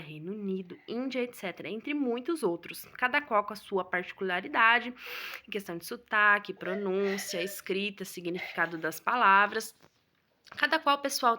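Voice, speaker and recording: Bright-voiced Brazilian woman teaching. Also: on the high side. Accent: Brazilian Portuguese. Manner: didactic, keeps addressing viewers with tag questions. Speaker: English teacher. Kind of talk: online video lesson.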